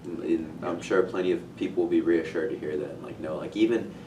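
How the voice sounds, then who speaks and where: A man's voice: fairly even intonation, a little fast. A young man hosting a student podcast, agreeing eagerly with his guest and filling gaps with "like". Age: young adult. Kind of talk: casual interview. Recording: echoey room, distant mic, rumbling noise.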